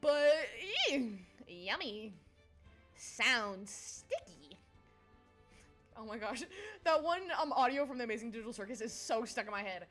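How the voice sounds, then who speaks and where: Faint music plays behind a young adult woman casually chatting with her stream viewers. She sounds giggly and scatterbrained, skipping between subjects in a fairly bright, highish voice with lively intonation and an unhurried pace.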